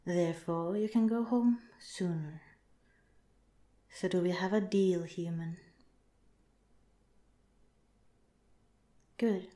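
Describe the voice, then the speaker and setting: In this lightly acted ASMR roleplay, a woman voices an alien scientist calmly and clinically reassuring a human held captive. She speaks softly and deliberately in a lowish, deeply mellow tone, politely detached, formal, and reassuring, and the recording has a noticeable echo and roomy feel.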